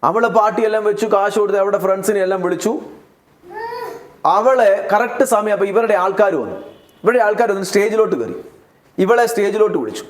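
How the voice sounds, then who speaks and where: A man's voice: sits high, brisk. A man preaching a sermon as pastor, emphatic and repetitive, mixing in English words. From India. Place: church. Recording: echoey church hall.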